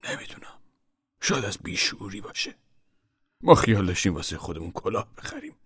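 A man's voice: fairly low pitch, big pitch swings, fairly bright tone, slightly rough, dry recording, clean studio sound, full character voice. A man doing a bitter, worn-down older father. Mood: weary, bitter. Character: older weary laid-off farm worker father, bitter.

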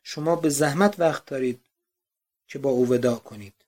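Brief: narrator playing a terrified servant bursting in, raised and urgent voice. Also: male voice, mid-range voice, natural voice. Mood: urgent alarmed. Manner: loud, urgent announcing. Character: frightened male servant bringing bad news.

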